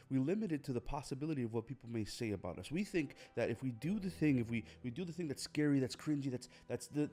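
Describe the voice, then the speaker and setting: In a mellow, mid-range voice, a young podcast host gives a sincere motivational monologue on his own show. He tends to repeat himself and restart his sentences.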